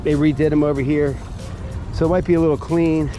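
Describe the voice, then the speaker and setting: Hyped magnet-fishing vlogger. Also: male voice, fairly high pitch, little pitch movement, fairly quick, over music. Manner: hyped, shouts catchphrases like "baby". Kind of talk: excited outdoor vlog narration. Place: outdoor waterfront docks and park.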